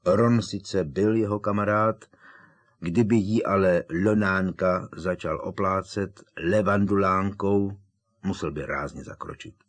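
A man narrating an audiobook in a calm, measured way. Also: deep voice. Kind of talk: scripted narration.

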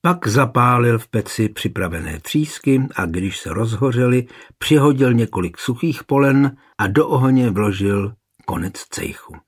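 A man narrating a historical novel in an expressive storytelling way. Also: medium pitch, slightly rough. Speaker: audiobook narrator.

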